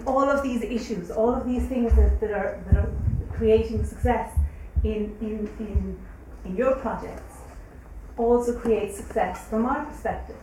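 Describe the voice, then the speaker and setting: A woman academic giving an unscripted, halting comment at a conference, recorded at a distance in an echoing, noisy room. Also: medium pitch. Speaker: business academic.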